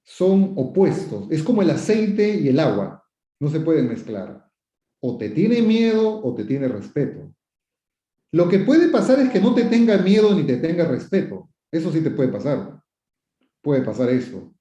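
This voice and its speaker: A man's voice: fairly high pitch, big pitch swings, moderate pace, mellow. A psychotherapist answering viewers' questions, a man who explains with many repetitions and rhetorical questions. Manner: quotes questioners and acts out sample phrases. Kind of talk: advice talk. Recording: roomy, dull lo-fi sound.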